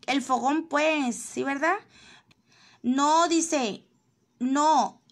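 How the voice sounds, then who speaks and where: A woman's voice: high-pitched, fairly bright tone. A woman from Mexico with a Mexican Spanish accent, hosting a casual gossip livestream into her phone from home, reading viewer comments aloud in a chatty, teasing and sometimes indignant way. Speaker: livestream host.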